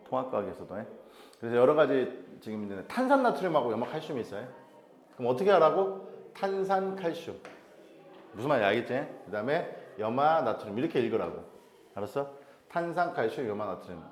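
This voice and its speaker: Animated male tutor in echoey classroom. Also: medium pitch, a little hiss or hum. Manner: quizzing, repeats questions like "알았어?". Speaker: science tutor. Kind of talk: classroom teaching.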